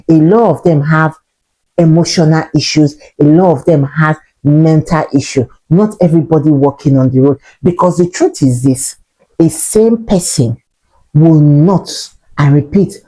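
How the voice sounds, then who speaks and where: A woman's voice: low-pitched, warm tone, poor audio. A woman giving earnest, lecturing commentary to camera, repeating points for emphasis. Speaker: parenting commentator.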